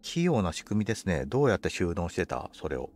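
A man's voice: low voice, sing-song, quick pace, darkish tone, slight background noise. A man commentating on a game for a livestream, politely musing aloud to himself in casual chat. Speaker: game streamer.

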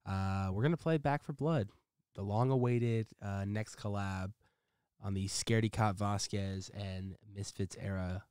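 A man's voice: fairly low pitch, measured pace, a little mellow, clear, resonant tone, dry recording. A man hosting a gaming livestream in casual, upbeat chat, heard through a headset microphone. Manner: upbeat, laid-back, tags phrases with "man".

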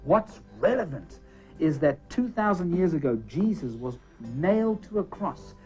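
A man's voice: high voice, sing-song, measured pace, darkish tone, lo-fi sound, faint music behind. A man preaching in earnest, insistent doctrinal teaching.

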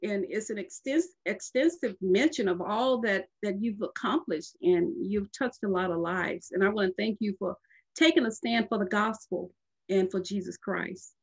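Husky-voiced woman hosting an interview. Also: mid-range voice, normal speed. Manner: warm and affirming, chatty. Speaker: host. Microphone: video call.

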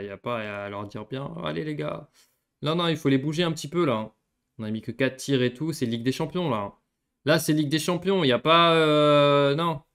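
A young man giving casual gameplay commentary as a YouTuber, swinging from excited yelling to low, cursing mutters. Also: clean tone. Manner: swings between excited yelling and muttered grumbling, swears often. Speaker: gaming YouTuber.

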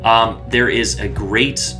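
A man's voice: lowish voice, steady tone, slow, sharp tone, faint music behind. A man talking casually as a gaming YouTuber, rambling and often restarting or correcting himself mid-sentence. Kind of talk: casual commentary.

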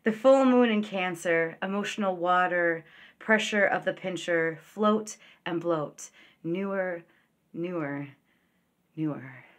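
Recorded on a phone held at arm's length, a middle-aged woman poet reads her own verse with deliberate, dramatic phrasing. Her voice sits fairly low.

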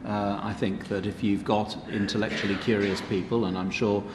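A man with a low voice speaks haltingly on a panel, stopping and restarting his sentences. He is picked up by a table mic in a large hall, with a long echo and steady background noise. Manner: hesitant, many restarts and fillers. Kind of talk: panel discussion answer. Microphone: table microphone.

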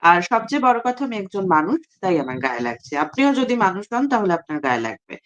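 A woman's voice: mid-range voice, big pitch swings, fairly quick, muffled recording. A Bengali woman hosting an opinion show, speaking indignantly and emphatically with frequent hesitation fillers. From West Bengal, India. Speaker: commentary show host. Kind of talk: opinion monologue to camera.

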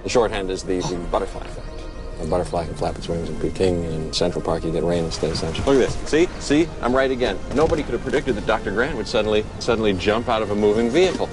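A man playing a smug intellectual theorist in a game, speaking haltingly and repeating his words. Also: lowish voice, over music, lightly acted. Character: smug, hesitant intellectual male chaos theorist. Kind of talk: film dialogue in a video game.

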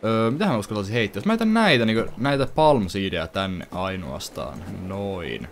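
A young man hosting a casual let's-play, chatting to viewers as he plays and breaking into excited outbursts. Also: lowish voice, a little hiss or hum. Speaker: gaming channel host.

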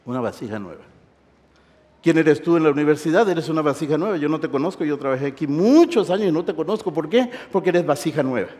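Middle-aged man, pastor preaching, high voice, long hall reverb. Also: fast. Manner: animated, swings from loud exclamations to soft intimate asides. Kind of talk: sermon to university students. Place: large hall.

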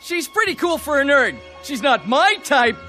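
A man's voice: extremely high pitch, very animated, normal speed, bright, forceful tone, faint music behind, heavily acted. An actor voicing a laid-back teenage boy who rambles casually. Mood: teasing.

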